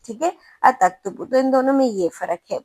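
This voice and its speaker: A woman with a Pakistani Urdu accent teaching an Arabic grammar class, patiently repeating each example slowly. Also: sits high, a little mellow, no echo. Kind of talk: explaining lesson with examples.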